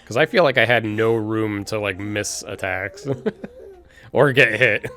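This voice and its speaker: A man's voice: lowish voice, slow, sharp tone, faint music behind. A man doing casual, rambling live stream commentary on a game, informal and sweary, often chuckling as he talks.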